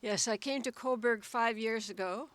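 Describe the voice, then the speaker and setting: Woman with a bright voice. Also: a little high, normal speed, a little hiss or hum. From Norway. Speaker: guest singer. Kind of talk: brief remarks at a ceremony.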